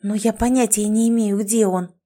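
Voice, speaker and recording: A woman reading the lines of a feisty, sarcastic young woman in an audiobook, a touch higher than her own voice. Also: fairly even intonation, warm tone, natural voice. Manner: quick-tempered, mocking.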